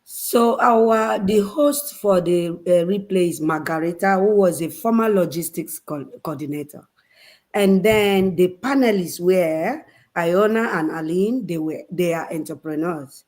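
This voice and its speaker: Lower-voiced woman from Nigeria. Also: measured pace, a little mellow. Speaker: panelist. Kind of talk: casual panel chat.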